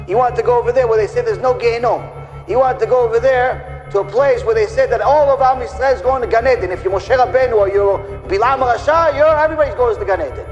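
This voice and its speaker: A man's voice: very high voice, fast talker, highs cut off. A rabbi delivers a fiery, emphatic lecture in a raised voice, breaking into little acted scenes. His words ring out in long reverb. Faint music runs beneath. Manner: emphatic, acts out quoted people in little scenes. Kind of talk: religious lecture on punishment after death.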